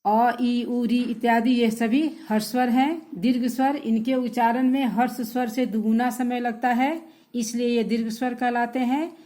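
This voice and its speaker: Woman teacher for a children's recorded grammar lesson, a little high-pitched, unhurried and patient. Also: fairly even intonation, dark tone. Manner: patient, repeats definitions and addresses children directly. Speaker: school teacher.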